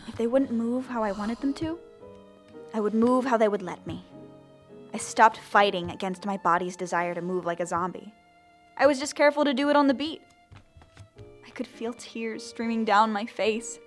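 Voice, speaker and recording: As the lead and narrator of an audio drama, a woman plays a determined young zombie girl, delivering both dialogue and first-person narration in an earnest, theatrical way. Her pitch is fairly high and her intonation fairly even, and she speaks at normal speed, lightly acted, over faint background music, in an earnest narrating mood.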